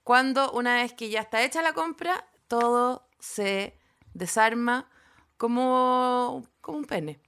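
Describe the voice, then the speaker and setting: A woman's voice: a little high, slow, a bit bright, clean tone. A Chilean woman in her thirties co-hosting a podcast, making playful jokes and teasing asides. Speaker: podcast co-host. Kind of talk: casual chat.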